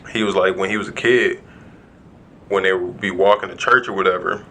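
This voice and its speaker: A man's voice: low-pitched, steady tone, fairly quick, a bit bright, a little hiss or hum, rough recording. A man co-hosting a podcast in casual chat, telling stories in a rambling way. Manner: rambling storyteller, heavy "like" fillers. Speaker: podcast co-host.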